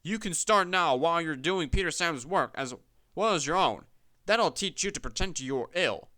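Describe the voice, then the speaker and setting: A man's voice: on the high side, lively intonation, normal speed, pushed and bright, no echo, clean studio sound, pitched above the performer's own voice. A man voicing a strict but kind male railway manager in a storybook reading, speaking sternly. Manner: stern, clipped.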